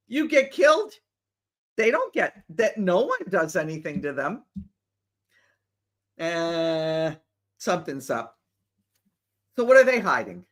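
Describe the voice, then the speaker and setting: A woman hosts her own show in a casual solo monologue. She takes her time, and her pitch rises and falls a lot. She pushes her points with skeptical rhetorical questions and asides. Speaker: show host.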